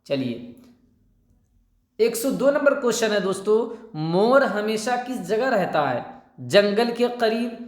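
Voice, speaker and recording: A man's voice: high voice, big pitch swings, long pauses, echoey room. A man teaching an online exam prep lesson, explaining patiently, repeating answers and posing questions back to the students.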